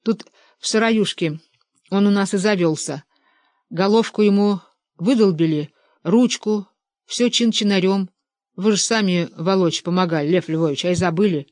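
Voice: medium pitch, normal speed, darkish tone, no room sound, studio quality, close to an everyday voice. A narrator voicing a stubborn, simple-minded young man who rambles in rustic, colloquial speech. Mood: rambling.

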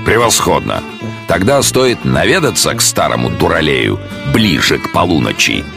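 Audiobook casting: a man voicing a rowdy prankster sea-commodore ghost, jovial and gravelly, lively swoops. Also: rumbling low, moderate pace, music in the background, exaggerated voice. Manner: loud, jovial, mocking.

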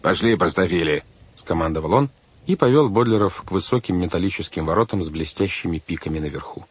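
A man narrating a storybook with measured delivery and wry asides. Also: low voice, breathy edge. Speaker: audiobook narrator. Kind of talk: scripted narration. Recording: dull lo-fi audiobook recording.

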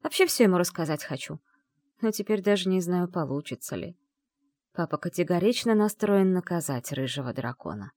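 A woman narrating a novel in the first person, with an expressive, lively storytelling manner. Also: fairly low pitch, a little fast. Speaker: audiobook narrator.

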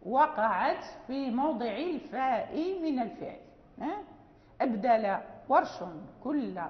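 A woman teacher giving a lesson on Quran recitation, explaining patiently with many fillers and repeated words. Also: high-pitched. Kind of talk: classroom lecture. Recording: echoey hall, dull lo-fi sound.

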